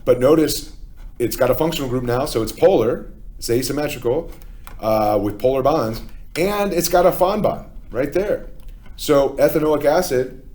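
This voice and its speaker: A man's voice: mid-range voice, a little mellow. A man with a Philadelphia accent, teaching a chemistry lesson step by step and often checking in with "okay?". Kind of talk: classroom lecture.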